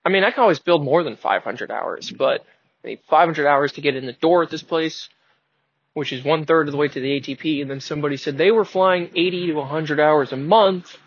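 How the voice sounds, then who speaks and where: A man's voice: a little high, lively intonation, normal speed. A man in his early twenties, host of his own show, rambling and thinking aloud in a casual, wry, self-mocking way while driving. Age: 20s. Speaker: podcast host. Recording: dull lo-fi sound.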